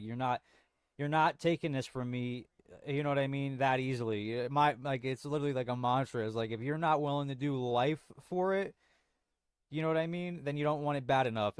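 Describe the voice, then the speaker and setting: A young male livestream host chats with viewers from home, rambling, restarting often, using slang, and saying "bro" a lot. His mid-range voice is clear and resonant, in a dry, clean studio recording.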